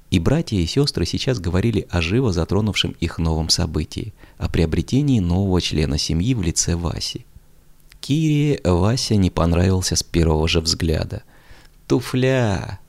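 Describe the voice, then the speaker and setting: A man narrating an audiobook with steady storytelling. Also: low-pitched, creaky. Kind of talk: audiobook reading.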